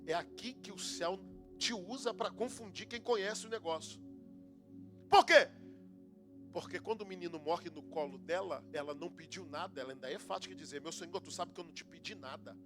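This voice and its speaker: A Brazilian man preaching as a pastor in a church, building from low storytelling to shouted preaching, then praying. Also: brisk, pauses often, over music. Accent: Brazilian Portuguese. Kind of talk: Pentecostal sermon and prayer. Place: church sanctuary.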